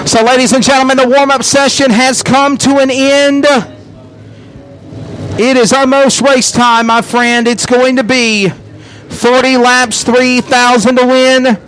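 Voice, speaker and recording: High-pitched male hype race announcer. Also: level tone, fairly bright tone, rough recording. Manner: hype announcer delivery, rousing and drawn-out. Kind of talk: live dirt-track racing commentary. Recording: track noise behind the voice.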